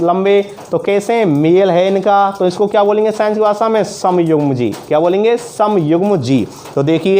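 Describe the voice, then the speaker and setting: A man teaching a school science lesson, asking questions and answering them himself with steady repetition. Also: sits high, slight background noise. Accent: Hindi-speaking north Indian. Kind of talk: classroom lesson with call-and-response questions.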